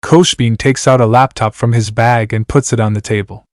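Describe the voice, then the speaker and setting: A man's voice: medium pitch, fairly even intonation, brisk, a little mellow, no echo, studio quality. A man from Iran narrating his novel aloud, voicing every character in the same plain reading voice and announcing each speaker's name. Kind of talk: flat audiobook narration.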